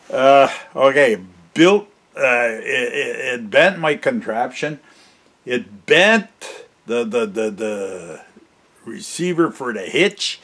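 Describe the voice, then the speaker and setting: A Canadian man in his sixties rambles through stories to camera as a vlog host in a cluttered indoor garage workshop, his medium-pitched voice expressive and fairly bright. He's folksy and halting, often ending sentences with "eh," jovial and chuckling a lot.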